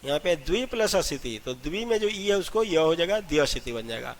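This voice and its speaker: A man with a somewhat high-pitched voice teaches a school grammar lesson, calling his students "children". He explains each form step by step and recites long lists of number words one after another. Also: expressive, a little fast. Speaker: Sanskrit teacher. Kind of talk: classroom-style grammar lesson.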